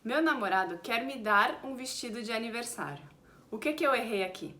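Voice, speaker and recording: A young woman with a fairly high voice gives a clear, patient French lesson from a home setup. She slows down noticeably whenever she says an example sentence. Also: lively intonation, sharp tone. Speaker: French teacher. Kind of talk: language lesson. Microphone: desk microphone.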